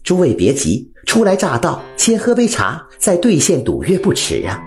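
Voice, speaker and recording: A man voicing a clever, spirited young village wife who stays composed and sharp-tongued. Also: on the high side, wildly swooping pitch, moderate pace, faint music behind, pitched above the performer's own voice.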